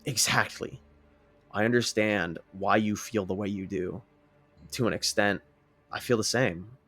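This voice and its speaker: A man voicing a sincere young male hero who speaks in an earnest, steady way. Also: lowish voice, measured pace, slightly rough, faint music behind, exaggerated voice.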